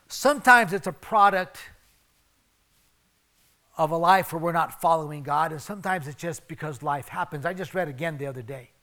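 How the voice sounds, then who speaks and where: A middle-aged man preaching a sermon, reading scripture and telling stories, swinging between loud emphasis and quiet asides. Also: on the high side, moderate pace, pauses often. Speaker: pastor.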